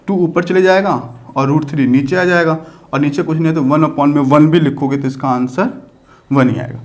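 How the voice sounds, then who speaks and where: A man's voice: a little high, darkish tone. A man teaching a math lesson, walking through each step patiently and asking the class rhetorical questions as he goes.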